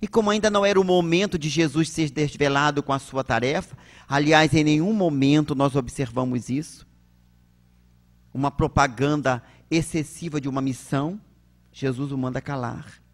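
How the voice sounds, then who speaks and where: A man with a Brazilian accent gives a public religious lecture at a spiritist centre, speaking in a measured way and posing rhetorical questions. His voice is a little high.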